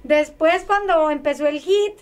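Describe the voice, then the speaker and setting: High-voiced woman telling her story. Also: measured pace. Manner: animated, emphatic, repeats phrases for emphasis. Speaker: guest. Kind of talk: personal storytelling in conversation.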